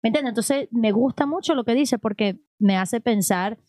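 A woman's voice: a little high, moderate pace, no echo, studio quality. Chatty woman musing on faith. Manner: animated, rambling, frequent "o sea" and "¿ok?". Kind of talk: casual religious conversation.

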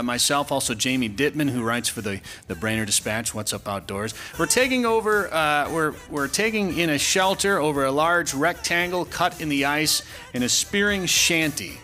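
A man's voice: a little high, sharp tone. A man hosting a radio show and running a quiz in a casual, upbeat way, laughing and slipping into a game show voice. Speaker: radio show host and quizmaster.

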